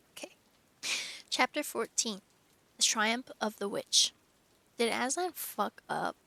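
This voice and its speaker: A woman's voice: on the high side, animated, slow pace, vocal fry, sharp tone, dry recording. A young woman reading a novel aloud on a live stream, with wry asides and cooing at her cat.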